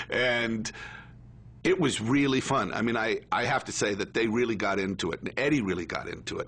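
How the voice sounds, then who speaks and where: An older man, a film director, recounting stories in a documentary interview and quoting the people involved. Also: medium pitch. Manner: animated anecdote-telling, quoting others.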